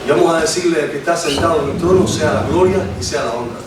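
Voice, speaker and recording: A Cuban lay preacher in his forties, speaking with a Cuban Spanish accent, delivers a sermon and prayer in a hesitant, informal way full of restarts. His voice is on the high side and fast, with a crowd audible behind him, picked up by a distant mic in an echoey church hall.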